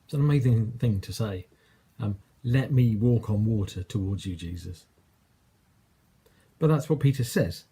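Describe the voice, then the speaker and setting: A man's voice: on the low side, expressive, unhurried, dark tone, slight background noise. A man with an English accent preaching a sermon, telling a story in a conversational way and acting out quoted lines.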